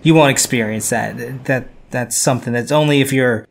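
A man co-hosting a podcast with an easygoing, mid-pitched voice. He explains things patiently and step by step. He often pauses on uh and um. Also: creaky. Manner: laid-back, explains step by step with fillers. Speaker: podcast co-host explaining facts. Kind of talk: casual explanatory chat.

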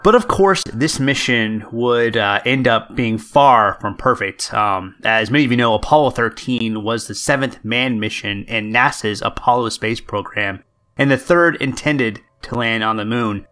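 Bright-voiced man hosting a podcast. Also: mid-range voice, measured pace. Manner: hesitant, self-correcting, jokey. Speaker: podcast host. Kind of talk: casual podcast storytelling.

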